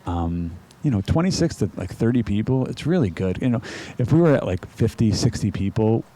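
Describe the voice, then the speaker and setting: A man's voice: on the low side, very animated, brisk, mellow. A man hosting a live stream, chatting casually and rambling with fillers. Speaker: host and venue owner.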